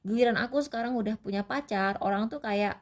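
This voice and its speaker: A woman's voice: a little high, fairly quick. Woman from Indonesia, tarot reader, casual advice chat, loose and chatty, many fillers and restarts.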